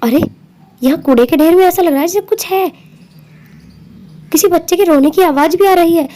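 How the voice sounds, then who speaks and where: A woman acting out a doll-play story in the mother's part, with a high voice and a mellow, soft tone. Her delivery is dramatic, and she scolds the children firmly. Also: a little fast.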